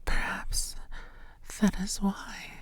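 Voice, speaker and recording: Very slowly, a woman murmurs tenderly as an ancient vampire seductress, possessive and lovestruck, in an intimate ASMR audio roleplay. Her breathy delivery often slips into whispers, carrying a mood of possessive longing.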